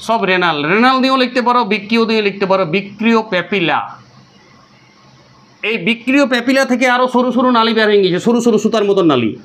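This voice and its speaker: A man teaching biology to a class, drilling his students with repeated questions and answers in an insistent way. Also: a bit bright. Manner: quick, high-pitched and insistent.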